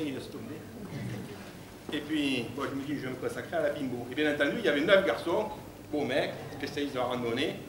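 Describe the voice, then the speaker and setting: Animated male stand-up storyteller. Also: fairly high pitch. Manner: animated, addresses the audience directly. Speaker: comedian. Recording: echoey room with background noise.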